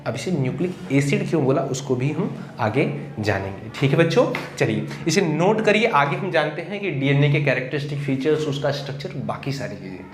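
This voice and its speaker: A man teaching biology to students, asking the class questions and answering them himself, and spelling out key terms slowly word by word. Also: a little high, animated. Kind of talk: Hindi classroom lecture. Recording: echoey room with faint noise.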